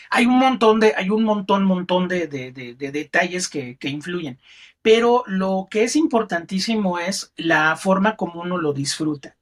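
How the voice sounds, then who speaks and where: A middle-aged man with a Mexican accent, a film critic talking as a guest in a podcast interview and telling stories expressively. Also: sits high. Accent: Mexican Spanish. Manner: expressive storyteller who acts out quotes in other voices.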